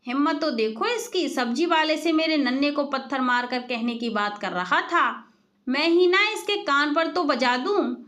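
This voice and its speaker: A woman voicing a sharp-tongued village aunt who scolds and mocks. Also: high-pitched, unhurried. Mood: scolding. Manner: scolding, sarcastic.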